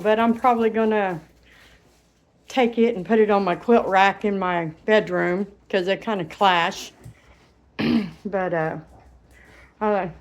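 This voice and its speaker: Slow-talking woman vlogging at home. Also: mid-range voice. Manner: chatty and rambling, breaks off to scold her dogs. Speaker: dog breeder vlogging. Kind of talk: casual home vlog. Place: living room at home, indoors. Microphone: handheld camera or phone.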